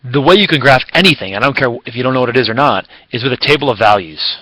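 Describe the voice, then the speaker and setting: A man's voice: mid-range voice, expressive, quick pace, sharp tone, no echo, rough recording. A man teaching a recorded math lesson in a casual, chatty way, with fillers and self-corrections.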